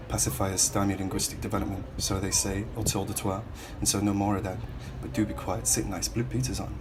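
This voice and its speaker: A man from Hull reads his own prose aloud in a measured, questioning way. His voice sits low and stays flat and even. A steady hiss of background noise runs under the recording. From Hull, England. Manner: measured, reflective, questioning delivery. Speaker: writer reading his own work. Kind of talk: literary reading in the second person.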